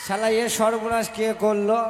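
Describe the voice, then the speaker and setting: A man's voice: high voice, completely flat delivery, moderate pace, lightly acted. A man playing a blustering henpecked village husband. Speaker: stage comedy performer. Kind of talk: rustic folk comedy stage acting. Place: outdoor folk stage. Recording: reverberant live stage with music.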